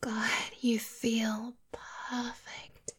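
Slow breathy succubus whisper by a woman, teasing and possessive, close mic. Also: on the high side, monotone, heavily acted. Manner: soft whispering, hushing. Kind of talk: whispered ASMR roleplay.

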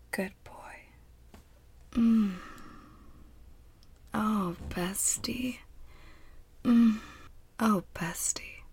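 A woman whispers in a role-play as a doting, teasing partner, soothing and cooing to another adult. Her voice is intimate, breathy and husky, mid-range with a darkish tone.

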